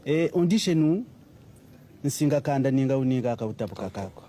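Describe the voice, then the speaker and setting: A man's voice: mid-range voice, expressive, moderate pace, dark tone, a little hiss or hum. A man from Congo giving a solemn, emotional formal address.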